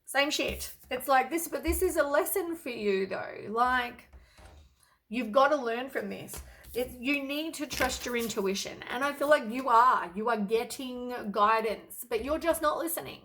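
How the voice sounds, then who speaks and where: A woman's voice: high-pitched, a little slow, fairly bright tone, a little hiss or hum. A woman doing a casual tarot reading to camera, blunt and exasperated, with lots of sighs and casual swearing. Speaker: tarot reader.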